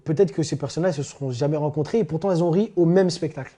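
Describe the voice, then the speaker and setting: A man's voice: fairly high pitch, very fast, mellow. A man telling an anecdote in an interview, chatty and amused.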